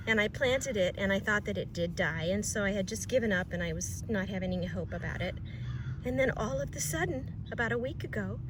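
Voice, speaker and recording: A woman's voice: a little high, background noise. A woman giving a casual, chatty garden tour, talking with enthusiastic affection about and to her plants outdoors. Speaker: garden vlogger.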